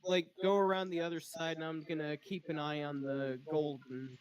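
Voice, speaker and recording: Man, player, higher voice, hesitant, filler-heavy speech. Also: flat delivery, moderate pace, muffled recording, slight background noise. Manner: hesitant, many uhs. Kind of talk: casual tabletop game play.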